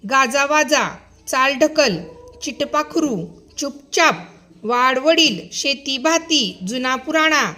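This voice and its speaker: A woman teacher giving a lesson for young pupils, reading a word list aloud slowly and clearly, one item at a time. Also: sits high, bright, forceful tone. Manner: slow, clear dictation-style reading.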